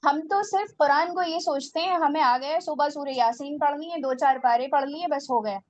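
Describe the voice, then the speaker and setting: A woman's voice: high voice, normal speed, a little mellow. A woman teaching a religious class on Quran recitation, earnest and exhorting her students.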